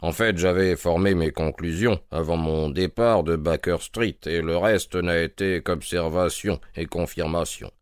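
A man voicing a brisk, self-assured detective in an audiobook, speaking in a measured way. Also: sits low, smooth, no echo, studio quality. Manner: measured, confident explaining. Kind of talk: audiobook character reading.

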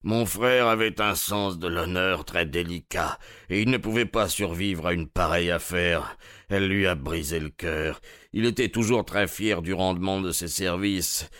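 A man's voice: low voice, a bit bright, no echo, studio quality. Man playing a subdued, grieving colonel. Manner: subdued, halting and restrained. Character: grieving middle-aged colonel, subdued, curt.

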